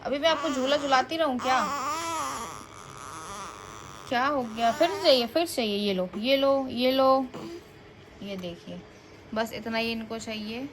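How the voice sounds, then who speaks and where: Young mom vlogging at home, high voice, coaxes and scolds the kids, noisy recording. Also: female voice, a little slow, pauses often. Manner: coaxing, scolding, talks to children and viewers. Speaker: vlogger and mother. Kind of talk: casual home vlog.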